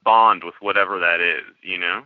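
A man's voice: low-pitched, steady tone, normal speed, no room sound. A male podcast host asking curious questions and agreeing often in a casual interview. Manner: curious, with lots of agreeing backchannels. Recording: dull lo-fi dry sound.

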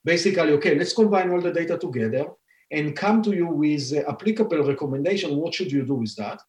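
Speaking quickly with lively intonation, this Israeli-accented scientist and founder in his forties describes his work during a podcast interview. His voice sits on the high side with a slightly mellow quality, and he uses many fillers and restarts amid a roomy echo.

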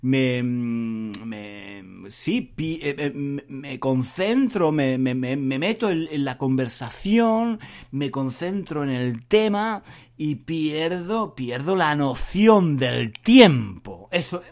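A middle-aged man with a Spain Spanish accent, a Spanish teacher hosting a podcast, who talks fast, rambles and makes fun of himself in a lively, jokey way. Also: mid-range voice. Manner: rambling and self-mocking, fast talking. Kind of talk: casual podcast monologue for learners.

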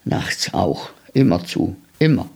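A stubborn, frightened nine-year-old boy, as a man puts him on in a slow storybook reading. The husky, gravelly voice hesitates, halts and stays hushed, though its pitch moves a lot. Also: very animated, heavily acted. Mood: sad, hushed.

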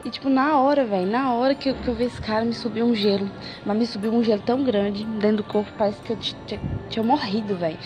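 A woman's voice: fairly high pitch, steady tone, fast talker. A woman casually telling a personal story, full of slang and repeating words for emphasis. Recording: music playing underneath.

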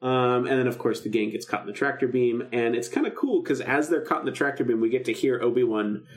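Speaking fast in a mid-range voice, a male podcast co-host riffs informally on a film radio drama. He's animated throughout, slipping into snatches of acted dialogue.

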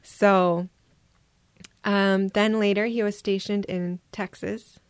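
A woman from Minnesota, a guest on an interview podcast, telling her personal story in a reflective, soft-spoken way. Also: mid-range voice, level tone, slow, smooth, no room sound. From Minnesota, USA. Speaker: guest adoptee.

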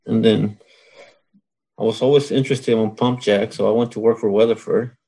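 A man from Mexico speaks in a relaxed interview. His voice is gravelly and a bit husky. He talks plainly, with a dry sense of humor. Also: fairly low pitch, moderate pace, low-quality recording. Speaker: guest, oilfield solids control worker. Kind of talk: casual interview.

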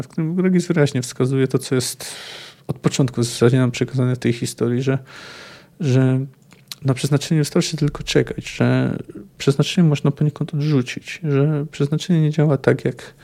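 A man's voice: mid-range voice, warm tone. A man hosting a book review podcast, talking in a thoughtful, analytical way and often searching for words. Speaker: podcast host.

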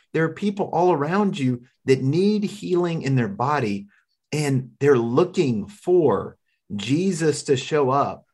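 A man's voice: fairly high pitch, darkish tone, breathy edge. A man telling a healing testimony in an earnest, conversational way, often repeating words as he starts. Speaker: minister sharing a testimony.

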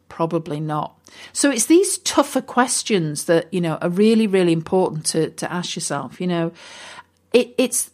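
A woman talking casually as a business coach and host, chatty with many fillers and restarts. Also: medium pitch. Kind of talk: casual solo talk.

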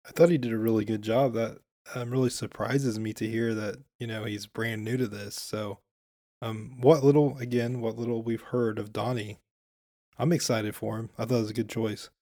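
Flat, mellow-voiced man chatting. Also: fairly low pitch, normal speed, no room sound, studio quality. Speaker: podcast guest. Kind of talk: casual podcast chat.

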